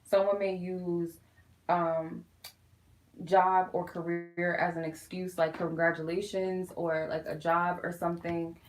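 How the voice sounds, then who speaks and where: At a measured pace and in a fairly low, level voice, a woman reads tarot casually on a live stream from a quiet room in her home. She chats informally, calling viewers "you guys," with a roomy quality to the audio.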